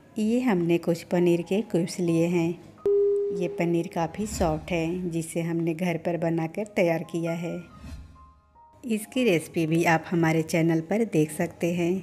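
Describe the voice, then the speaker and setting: Steady and unhurried, a woman hosting a cooking channel narrates a home recipe as a voice-over. Her tone is warm and low, her pitch barely varying, and quiet music sits beneath her.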